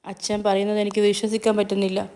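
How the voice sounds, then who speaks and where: A loud, emotional young woman who pleads and presses for answers, put on by a female narrator. Her voice sits a little higher and stronger than the narrator's own, with a fairly level melody, in a spoken storybook reading. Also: completely flat delivery, quick pace, lightly acted. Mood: tearful. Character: distraught young woman, a grown daughter.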